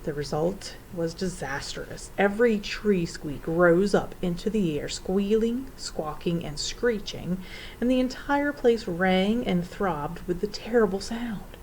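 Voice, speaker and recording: A woman narrating a children's storybook in an expressive, theatrical way. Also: medium pitch, unhurried, a little hiss or hum, rough recording. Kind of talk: storybook reading.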